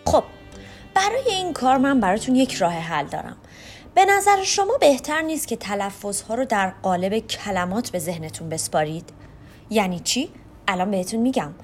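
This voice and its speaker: A woman's voice: mid-range voice, very animated, soft background music. A woman hosting a podcast lesson on French pronunciation, explaining step by step and talking directly to her listeners. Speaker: podcast host teaching French.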